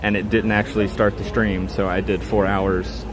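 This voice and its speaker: A man's voice: on the low side, flat delivery, normal speed, a crowd in the background, rough recording. A man hosting a casual, rambling livestream outdoors, chatting in a self-deprecating way. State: hot and sweaty. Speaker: livestream host. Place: outdoors at a busy theme park. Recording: loud outdoor park and vehicle noise.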